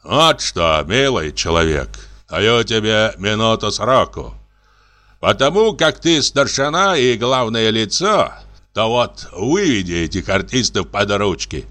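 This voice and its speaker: A rowdy drunken brute in a mask, bellowing and jeering, his voice lively and bright as it swings around, as a man reading the story puts him on. He mocks everyone with booming laughs. A storybook bully through and through. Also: exaggerated voice. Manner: boisterous, mocking, laughs loudly. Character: drunken swaggering masked man, rude and jeering.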